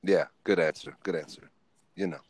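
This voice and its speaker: A man's voice: sits low, steady tone, normal speed, creaky, no echo, low-quality recording. A man in his forties hosting a casual podcast chat, laid-back and teasing, laughing often. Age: 40s.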